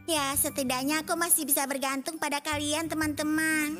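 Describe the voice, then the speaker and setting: A woman's voice: high-pitched, little pitch movement, fairly quick, music in the background, natural voice. A woman voicing a spoiled, scheming young cartoon princess with a wheedling, bossy manner. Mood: sulky. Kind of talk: animated cartoon dub.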